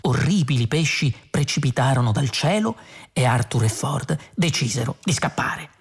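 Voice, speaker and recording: A woman narrating an audiobook with expressive, dramatic storytelling. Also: very deep voice, moderate pace, husky. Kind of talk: audiobook reading.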